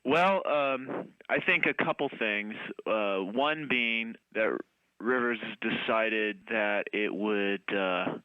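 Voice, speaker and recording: A man in a radio interview, talking in a relaxed, wordy way with many fillers. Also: fairly low pitch, slow pace, smooth, no echo. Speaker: band member, radio interview guest. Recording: dry, dull phone-line radio sound.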